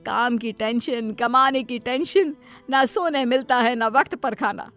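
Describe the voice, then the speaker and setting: A doting, long-suffering cartoon mother, voiced by a woman with a high voice. She pleads softly and plaintively. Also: measured pace, soft background music. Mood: defensive. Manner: pleading, soft-hearted, plaintive. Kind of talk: Hindi cartoon voice acting.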